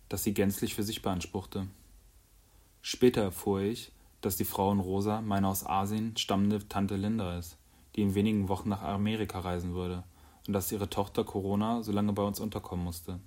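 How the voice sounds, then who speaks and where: Male audiobook narrator, low voice, calm first-person reading. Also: moderate pace.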